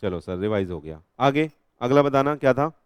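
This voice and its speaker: Teasing Indian law teacher quizzing a class. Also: male voice, medium pitch, animated, moderate pace, smooth. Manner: quizzes students constantly, teasing and joking; mixes Hindi with English terms. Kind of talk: live classroom revision lecture.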